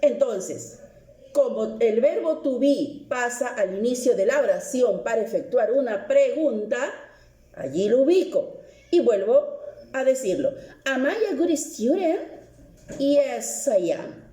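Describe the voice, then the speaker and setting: A woman teaching an English lesson on video, speaking slowly and patiently and repeating each example, with a Peruvian Spanish accent. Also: a little high, lively intonation, mellow, reverberant.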